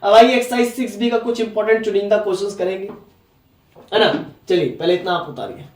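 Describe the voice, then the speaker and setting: A man's voice: high voice, fast talker, echoey room, recorded from a distance. A man with a Jharkhand accent teaching a maths lecture in a blunt, scolding way, with "right?" after nearly every step. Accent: Hindi from Jharkhand. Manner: blunt, scolding, repeats "है ना?" and "ठीक है?".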